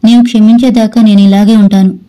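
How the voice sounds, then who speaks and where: A woman's voice: medium pitch, steady tone, brisk, natural voice, low-quality recording. A woman voicing a young husband in a storybook, sarcastic at first and later tender. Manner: sarcastic, later gentle and pleading. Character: brooding young husband, harsh then tender.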